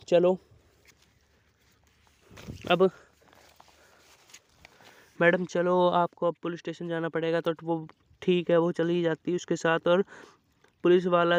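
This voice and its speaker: Flat high-voiced man rambling a movie recap. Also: clean tone, no echo. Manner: rambling, with fillers and placeholder words like "so-and-so". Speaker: movie plot narrator. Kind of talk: casual movie recap storytelling. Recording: dull lo-fi mic, dry.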